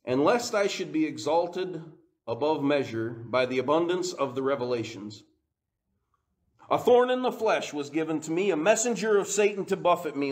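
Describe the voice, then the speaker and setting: A male pastor preaching a sermon, who laughs often and moves from quiet, low stretches up to rising, emphatic climaxes.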